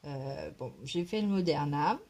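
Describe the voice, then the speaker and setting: She's a craft vlogger colouring in a book, chatting to her vlog in a hesitant, rambling, thinking-aloud manner. The voice is deep and dark-toned yet lively in intonation, unhurried, and marked by a slight smoker's cough.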